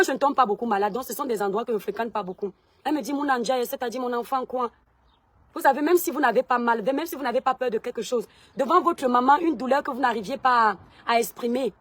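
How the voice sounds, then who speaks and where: A woman, telling a personal story straight to her followers in an animated way. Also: a little high. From Cameroon. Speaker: vlogger. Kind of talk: personal testimony to viewers.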